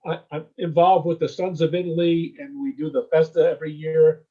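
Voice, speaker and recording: A man from the United States in a casual interview, rambling warmly and tagging his sentences with "okay?" and "you know?". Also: fairly high pitch, level tone, brisk, narrow, tinny audio.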